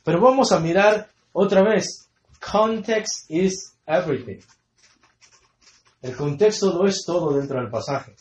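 A man's voice: high-pitched, measured pace, highs cut off. A man teaching a Bible study sermon to a congregation, emphatic and repeating key words, quizzing listeners with fill-in-the-blank questions. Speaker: preacher. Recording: echoey room sound.

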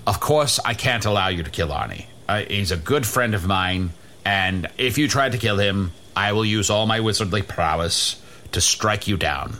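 Man playing a bright, pompous fantasy wizard. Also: fairly low pitch, animated, moderate pace, a little hiss or hum. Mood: pompous threatening. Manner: pompous, declamatory, sweary. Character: pompous, indignant male wizard champion, easily exasperated. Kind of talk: improvised comic fantasy role-play.

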